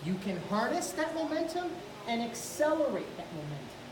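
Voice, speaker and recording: High-pitched and very animated, the woman keeps a moderate pace while encouragingly walking her student through each jiu-jitsu move mid-grapple. A camera far across the large mat-covered gym records her, with a roomy echo and noise behind.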